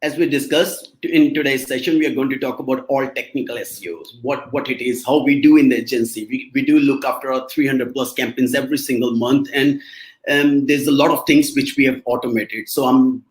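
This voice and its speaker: A man speaking as a presents as a guest expert on a live stream. His voice is mid-pitched, and he talks casually, hesitating, restarting sentences and laughing often. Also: steady tone, brisk, rough recording. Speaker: SEO agency guest expert.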